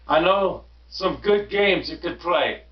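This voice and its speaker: A man's voice: high voice, takes it slowly, pitched above the performer's own voice. A man voicing a mischievous, showy storybook cat in a tall hat, in a boastful sing-song voice. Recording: roomy, distant, dull sound.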